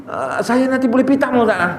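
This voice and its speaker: A man's voice: extremely high pitch, big pitch swings, a little fast, reverberant, noisy background, voice pushed up. A man voicing a whiny, ailing male beggar who pleads for money in a wheedling tone. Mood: pleading.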